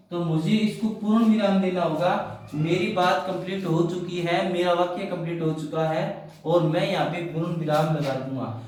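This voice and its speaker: A man's voice: high-pitched, darkish tone, a little hiss or hum. A man explaining a grammar lesson in a classroom style, often asking questions and answering them himself. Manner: repetitive, asks and answers his own questions. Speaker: teacher. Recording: very echoey room, mic far off.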